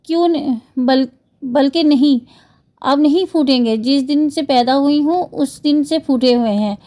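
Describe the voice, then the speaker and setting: A woman's voice: sits high, warm tone, close to an everyday voice. A woman reading the lines of a fiery young wife who speaks in a choked, tearful voice and snaps back. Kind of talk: novel reading.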